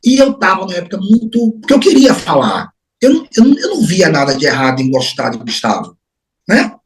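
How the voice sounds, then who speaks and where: Soft-spoken man recalling his past. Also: sits high, sing-song, poor audio. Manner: unhurried, lingering on words, soft trailing asides. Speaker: interview guest. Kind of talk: reflective personal memories.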